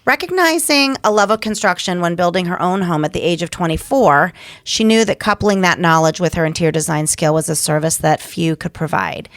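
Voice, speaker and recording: A woman's voice: fairly low pitch, fairly quick, fairly bright tone, dry recording, clean studio sound. A middle-aged woman co-hosting a podcast, chatting with enthusiasm. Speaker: podcast co-host. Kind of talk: casual chat.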